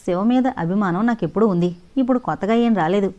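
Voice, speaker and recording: A woman's voice: mid-range voice, a little fast, darkish tone, muffled recording, natural voice. A woman voicing a compassionate young woman who talks in an earnest, pleading way, in an audio novel. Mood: earnest, indignant.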